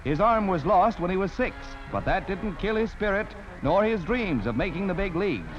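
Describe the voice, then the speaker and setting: High, lively 1940s newsreel announcer man. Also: moderate pace. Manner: emphatic, declamatory announcer delivery. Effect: old 1940s newsreel soundtrack. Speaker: newsreel narrator. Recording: dull lo-fi old film soundtrack with music. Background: music score.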